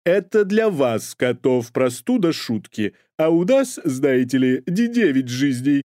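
A man voicing a prim, fussy older woman, a nanny, in a storybook reading, speaking shrilly and loudly with drawn-out words. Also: medium pitch, sing-song, no echo, studio quality, voice pushed up. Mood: insistent.

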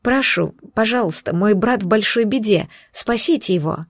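Woman reading as a soft desperate young girl begging for help, dry close mic. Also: medium pitch, lively intonation, normal speed, no echo. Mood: pleading. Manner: soft, imploring.

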